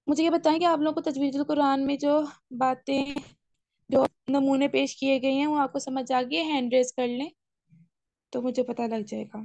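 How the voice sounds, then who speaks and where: Woman, Quran teacher, step-by-step explainer, high gravelly voice. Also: level tone, darkish tone, no echo. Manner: slow, careful recitation of Arabic phrases; explains step by step, asks class to raise hands. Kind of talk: online class lesson.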